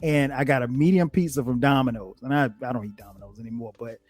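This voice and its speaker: A man's voice: mid-range voice, quick pace, darkish tone, no echo, soft background music. Man hosting a casual, dry-sounding interview. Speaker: interviewer, host.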